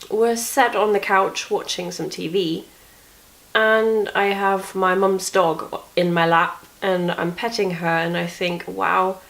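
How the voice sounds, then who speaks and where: A young vlogger lies in bed with a cold, sniffly and coughing, as she casually tells stories with chatty, wry self-mockery. Her voice sits in the mid range, and the audio is poor.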